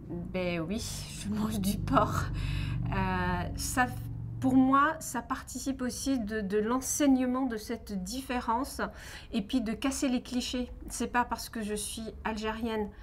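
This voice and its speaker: A woman from Algeria, in her thirties, giving earnest personal testimony in an interview, pausing often with fillers and restarts. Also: on the high side, fairly even intonation, a little hiss or hum.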